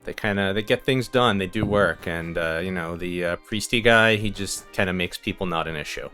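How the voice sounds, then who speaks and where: A man's voice: low-pitched, moderate pace, sharp tone, clean tone, soft background music. A man hosting a casual let's play, rambling with lots of fillers and chuckles as he plays. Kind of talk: casual gameplay commentary.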